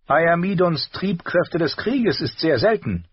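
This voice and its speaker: A man voicing a sardonic, sharp-tongued male noble in a storybook reading, raised high above his own voice, on a dull dry recording. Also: very animated, measured pace, breathy edge, dry recording, heavily acted. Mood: instructive. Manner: cutting, scolding.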